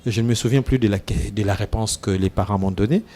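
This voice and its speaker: Unhurried Congolese priest with a mellow voice. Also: male voice, on the low side. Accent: Congolese French. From Democratic Republic of the Congo. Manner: measured, hesitant, many pauses and fillers. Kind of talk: casual interview talk, mixing French and Lingala. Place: TV studio.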